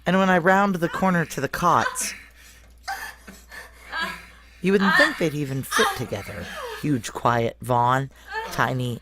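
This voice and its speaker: An actress with a rumbling low voice plays a tough, profane female security chief in a noir audio drama, both narrating and acting. Her delivery is wry, blunt and conversational.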